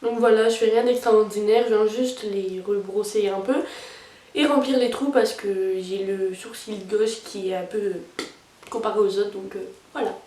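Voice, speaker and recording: Young woman, casual makeup tutorial, halting with fillers, roomy distant camera sound. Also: mid-range voice, fairly even intonation, mellow. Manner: hesitant, many fillers and restarts. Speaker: beauty vlogger. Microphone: camera mic at a distance.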